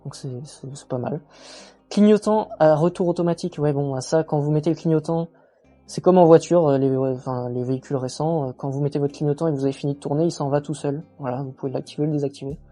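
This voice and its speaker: A man giving a casual, chatty motorcycle walkthrough, relaxed and full of fillers and self-mocking jokes. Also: fairly high pitch, fast talker, soft background music. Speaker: motorcycle reviewer.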